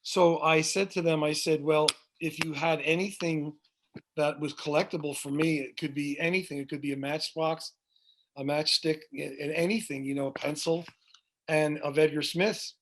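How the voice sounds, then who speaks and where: A man's voice: fairly high pitch, fairly even intonation, moderate pace. A middle-aged man telling long rambling anecdotes with many fillers and restarts, as a guest on a video podcast. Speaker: guest, music director. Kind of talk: storytelling in a video podcast interview. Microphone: video call.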